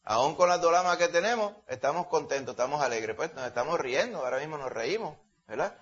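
A man's voice: on the high side, expressive, a little fast, fairly bright tone. A man preaching a Bible-teaching sermon in a conversational way, often calling listeners brother. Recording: dull lo-fi sound.

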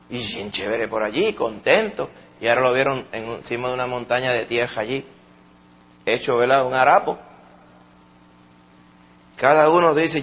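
A man's voice: mid-range voice, muffled recording. Puerto Rican preacher man, emphatic. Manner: emphatic, rising to loud peaks then dropping to soft. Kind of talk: sermon.

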